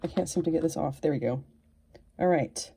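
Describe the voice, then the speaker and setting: A woman's voice: deep voice, fairly quick, gravelly, background noise. A woman reviewing and unboxing a collectible figure in casual, self-deprecating chat, drifting into whispers while she fiddles with it. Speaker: toy reviewer.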